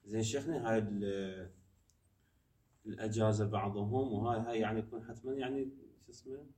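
A man's voice: on the low side, quick pace, mellow. A man, a student asking hesitant questions in class. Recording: heard from a distance.

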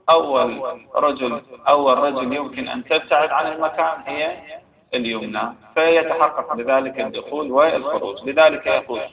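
A man with an Iraqi accent giving a seminary lecture, reading passages aloud and explaining them with frequent hesitations. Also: mid-range voice. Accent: Iraqi Arabic. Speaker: religious studies teacher. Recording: phone-like echoey recording with crowd.

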